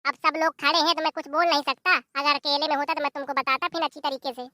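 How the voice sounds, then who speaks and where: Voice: sits high, level tone, fast, sharp tone, dry recording, studio quality. Voice actor doing a boozy teasing son-in-law. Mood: wheedling. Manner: teasing, wheedling. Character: boozy joking son-in-law, adult man.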